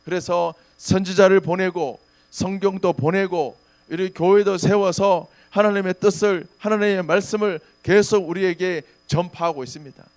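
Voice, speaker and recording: A middle-aged man preaching a sermon as pastor, telling stories with animated, acted-out quotes. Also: sits high. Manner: animated storytelling, acting out shouted quotes. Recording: faint mains hum.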